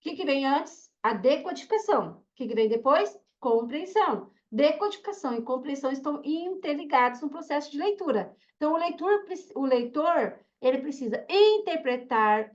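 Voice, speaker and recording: A woman's voice: high voice, expressive, normal speed, hardly any pauses, highs cut off. A woman teacher with a Brazilian Portuguese accent giving an online course lecture, explaining step by step and checking in with her students with short questions. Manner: explanatory, asks the class questions, frequent "tá?" and "né?".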